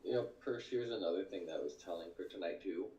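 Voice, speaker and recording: A man's voice: sits low, quick pace, mellow, echoey room. A man chatting casually over gaming voice chat, laid-back and starting his sentences over.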